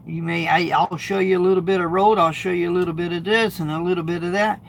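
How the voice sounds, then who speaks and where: Talking casually to his viewers from the cab, this middle-aged American trucker and video host reads their comments at a quick pace with fairly even intonation. His voice is high and gravelly, and he rambles, repeats himself and restarts often. Slight background noise is audible.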